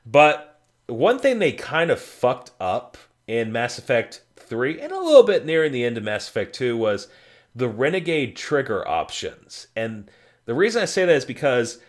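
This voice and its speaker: A man co-hosting a casual gaming podcast, excitable, swearing freely and laughing often. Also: mid-range voice, moderate pace. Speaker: podcast co-host.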